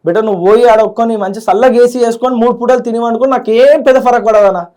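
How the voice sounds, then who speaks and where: A man's voice: very high-pitched, fairly even intonation, fast, mellow. A young man, a student leader speaking in an interview with heartfelt feeling and often repeating his words. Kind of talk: emotional interview.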